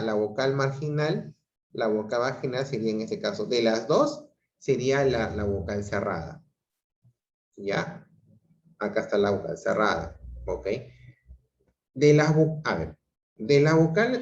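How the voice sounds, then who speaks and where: Male teacher on a video call, unhurried and repetitive, echoey room. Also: medium pitch, animated. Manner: slow, repeats himself, checks with "¿ok?". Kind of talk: online grammar class. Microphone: computer mic on a video call. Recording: roomy, dull lo-fi video call audio.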